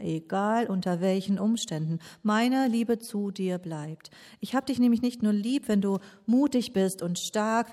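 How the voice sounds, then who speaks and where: A woman voicing a gentle, forgiving male teacher who reassures a friend slowly and tenderly in a sermon. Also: medium pitch, close to an everyday voice.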